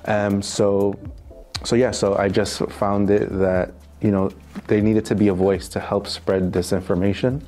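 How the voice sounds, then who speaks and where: Over soft background music, a financial crime specialist from New York City answers interview questions in his New York accent. His fairly low, mellow voice is unhurried with little pitch movement, and his replies are casual and halting, packed with fillers and restarts.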